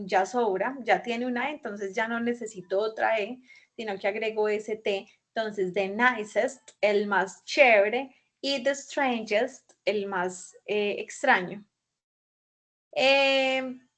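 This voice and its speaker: Slow, patient Colombian woman teaching. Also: a little high. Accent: Colombian Spanish. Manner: patient, explanatory, often checks with "¿cierto?". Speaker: English teacher. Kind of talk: online class lesson. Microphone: video call.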